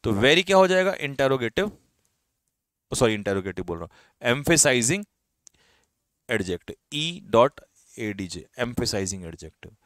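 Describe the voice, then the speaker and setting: With a sing-song, fairly bright, medium-pitched voice and no room sound, a young English teacher lectures a class on grammar. He explains in Hindi, asks questions he then answers himself, and slowly stresses the English examples as he reads them.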